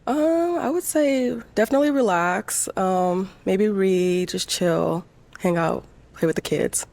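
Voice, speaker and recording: A woman's voice: mid-range voice, a little slow, gravelly, darkish tone. A woman in her thirties from Iowa, a dating show contestant who answers in a laid-back, hesitant way. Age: 30s.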